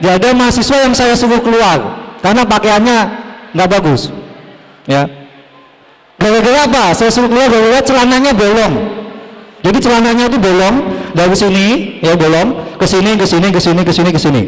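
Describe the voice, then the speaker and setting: A young man from Java performing a stand-up comedy set on a TV stage, telling stories with animated energy and acting out dialogue. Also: high voice, brisk. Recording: reverberant stage hall.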